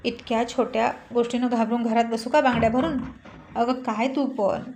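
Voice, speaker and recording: Brief: woman playing a teasing, protective young husband in a told story, kept close to her own fairly high voice. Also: fairly even intonation, moderate pace, slight background noise, lightly acted. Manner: gentle, teasing reassurance. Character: young male politician husband, teasing and caring.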